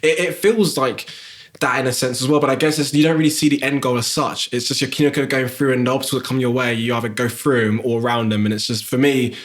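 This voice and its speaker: Talking fast and with fairly even intonation, a South London man in his thirties appears as a podcast interview guest. The English graphic designer has a mid-range voice and speaks reflectively, often using fillers and starting over.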